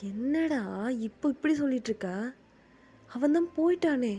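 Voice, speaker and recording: A woman's voice: sits high, expressive, normal speed, dark tone. A woman voicing a blunt young male friend who teases and scolds his crying buddy. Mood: scolding.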